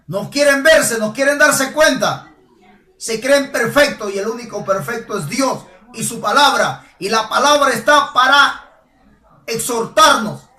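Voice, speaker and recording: A man preaching a sermon emphatically, asking rhetorical questions and rising to shouts. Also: very high-pitched. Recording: echoey room, voice from a distance.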